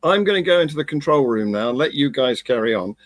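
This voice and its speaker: A man hosting an online event, chummy and brisk with his guests. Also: medium pitch, expressive, no echo. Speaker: host.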